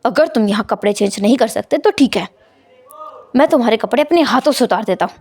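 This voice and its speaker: A woman voicing a cold, possessive young husband who speaks in short, flat commands. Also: a little high, fast talker, husky.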